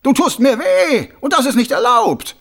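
A man voicing a smug, cruel male killer in an audiobook, with a high, sneering voice and giggles. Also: animated, normal speed, full character voice. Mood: gleeful. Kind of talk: audiobook character voice.

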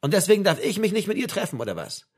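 A man reading an audiobook, voicing an agitated young man who accuses and shouts at his flatmate. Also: high voice, very fast, husky, pitched above the performer's own voice, full character voice. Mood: shouting angrily. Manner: shouting, hurt, jabbing.

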